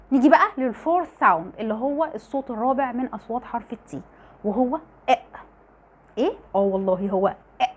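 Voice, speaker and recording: A woman with an Egyptian Arabic accent teaching an online English pronunciation lesson, repeating each example word. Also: high-pitched. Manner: lively, fast explaining with repeated example words.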